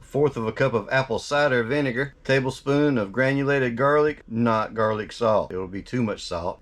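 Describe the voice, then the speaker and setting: A man with a fairly low voice hosts a home recipe video. He talks in a casual, folksy way as he works through the steps, chatting partly to the viewer and partly to himself. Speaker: cooking video host.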